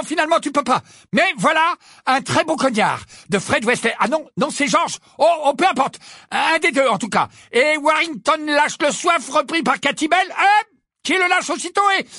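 A man voicing an excitable young male sports commentator in an audiobook, calling the play fast and cheering his team on. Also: extremely high pitch, no room sound, clean studio sound, pitched above the performer's own voice, full character voice. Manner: rapid, breathless play-by-play, cheering. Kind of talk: audiobook character voice.

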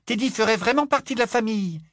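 A man's voice: sits high, fast, no room sound, clean studio sound, pitched above the performer's own voice. A man voicing a dreamy, delighted little girl in an audiobook reading. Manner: rapturous, soft. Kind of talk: audiobook character voice.

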